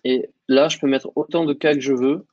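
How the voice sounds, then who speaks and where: A man teaching a coding lesson over a screen share, explaining in a relaxed way with lots of fillers. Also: mid-range voice, moderate pace, muffled recording. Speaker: coding instructor.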